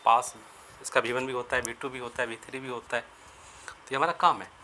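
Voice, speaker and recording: A man teaching English grammar in Hindi, explaining each sentence step by step and slowing down to spell out the English phrases. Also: mid-range voice, fairly even intonation, sharp tone, a little hiss or hum. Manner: repeats and rephrases sentences, asks and answers his own questions. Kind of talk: Hindi-medium grammar lesson.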